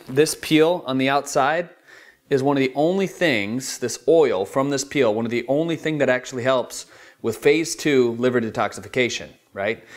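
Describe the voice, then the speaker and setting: Chatty enthusiastic health vlogger man. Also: mid-range voice. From Michigan. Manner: enthusiastic, chatty, sells his favorites. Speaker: wellness channel host. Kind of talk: upbeat product-style health vlog.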